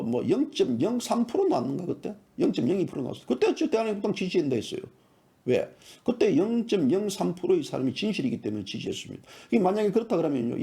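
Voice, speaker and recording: A fiery man in his fifties delivers a heated commentary and fires off rhetorical questions. His voice sits high and swings widely. The tone is dark and mellow. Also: gravelly. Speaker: independent journalist and online commentator. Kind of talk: heated political commentary monologue.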